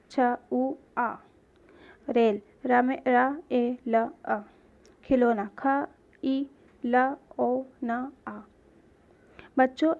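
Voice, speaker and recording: A woman's voice: high-pitched, phone-quality sound. A woman teaching a grade-school grammar lesson, asking questions and answering them herself, spelling out sounds one by one.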